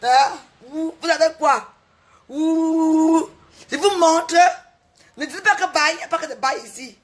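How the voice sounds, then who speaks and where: On a livestream, a woman with a very high voice boasts and mocks her rivals in a repetitive, taunting rant. She speaks a little slowly.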